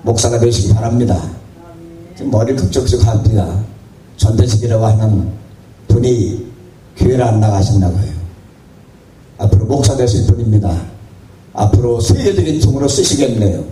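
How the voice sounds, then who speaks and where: A man's voice: mid-range voice, lively intonation, normal speed, pauses often, dark tone, slight background noise. A male pastor preaching a sermon, telling a story with dramatic emphasis. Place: church or prayer house hall. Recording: roomy hall audio, distant mic.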